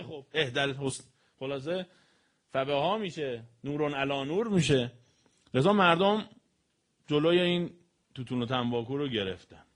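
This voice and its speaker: A man giving a sermon on history, telling it in an animated way with sudden loud and soft swings. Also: on the high side.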